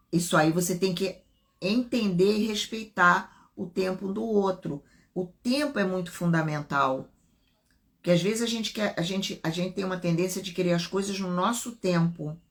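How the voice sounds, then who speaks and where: A middle-aged woman with a Brazilian Portuguese accent, hosting a live talk and explaining as she goes, often repeating phrases and checking in with "né?". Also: fairly low pitch. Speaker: live stream host and self-development speaker. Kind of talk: unscripted live talk on relationships.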